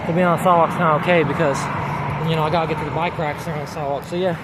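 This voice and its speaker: A man's voice: a little high, steady tone, very fast. A man rambling profanely in a casual vlog while riding a bicycle outdoors, tired and winded, with filler phrases repeated throughout. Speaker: cycling vlogger. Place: outdoors on a moving bicycle along streets. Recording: loud wind noise on the mic. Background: wind and vehicle noise.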